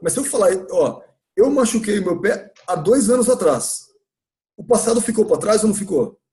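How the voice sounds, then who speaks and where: A man's voice: high-pitched, animated, moderate pace, dark tone. A man with a Brazilian Portuguese accent teaching an English grammar class in a church classroom, patiently questioning students and repeating points.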